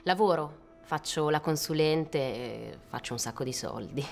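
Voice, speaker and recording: A woman's voice: low-pitched, a little slow, creaky, soft background music, heavily acted. A woman playing a former activist turned consultant in a mockumentary interview, speaking in a reflective, nostalgic way.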